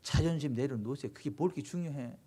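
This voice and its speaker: At a Friday late-night service, a male pastor gives a Korean sermon packed with rhetorical questions, emphatic throughout. He speaks fast in a husky voice, swinging from loud exhortation to hushed, low passages.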